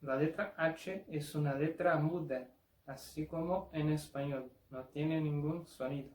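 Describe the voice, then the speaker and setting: Slow, deliberate man. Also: on the high side, fairly even intonation, a little mellow, roomy sound, a little hiss or hum, poor audio. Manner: slow and deliberate, spells out and repeats each sound. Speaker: language teacher. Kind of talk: pronunciation lesson.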